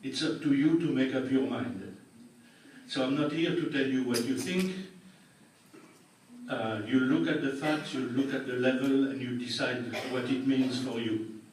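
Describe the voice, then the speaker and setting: At a community meeting in a big public hall, an older public health doctor with a French accent explains things plainly and cracks dry jokes. He speaks at a measured pace in a mid-range voice, picked up from far away in the echoing room with slight background noise.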